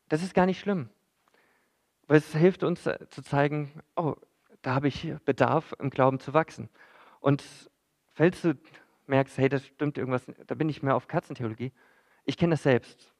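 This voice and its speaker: A man preaching a sermon in church, in a conversational way that addresses the listeners directly, with frequent fillers. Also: on the high side.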